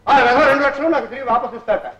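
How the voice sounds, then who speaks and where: An actor playing a fussy, scheming rich father in a comedy film, who talks fast and keeps repeating a tag word. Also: very high-pitched, fairly even intonation, bright, forceful tone, slightly rough, no echo, dull audio, soft background music, heavily acted. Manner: chatty, fussy, ends lines with a tag word. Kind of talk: 1980s film comedy acting.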